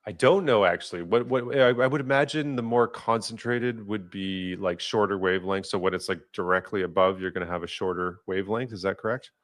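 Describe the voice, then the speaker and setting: A man hosting a casual live stream, talking in a relaxed, easygoing way and laughing often. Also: on the low side, brisk, few pauses. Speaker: host.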